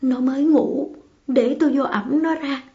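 A woman's voice: sits high, steady tone, measured pace, dark tone, voice pushed up. A woman reading the part of a young mother speaking in a choked, tearful voice. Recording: slightly muffled, faint music behind.

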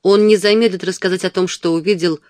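An ardent young gentleman pours out a passionate, insistent plea in a storybook reading, as a man puts him on. The voice sits fairly high for a man and sounds close and dry. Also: fairly even intonation, quick pace, no echo, natural voice. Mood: pleading. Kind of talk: audiobook dialogue.

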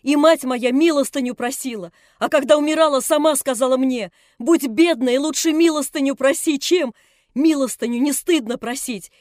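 A woman reading an audiobook, voicing a distraught young girl who shouts defiantly through tears. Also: moderate pace, dry recording, clean studio sound, close to an everyday voice. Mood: furious tearful. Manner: shrill, tearful, defiant outbursts.

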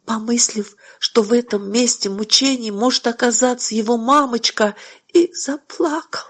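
Woman narrator, slightly high voice, gentle measured storytelling. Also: husky.

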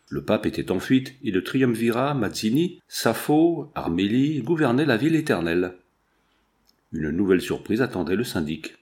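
A man reading a novel aloud as the narrator, at a measured and steady pace. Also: medium pitch. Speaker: audiobook narrator. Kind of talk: scripted narration.

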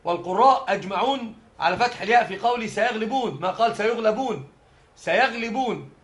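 A man's voice: high voice, lively intonation, fast talker, a bit bright, breathy edge. A man teaching a scholarly religious lesson, explaining the text step by step. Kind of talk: scholarly lesson on Quran readings.

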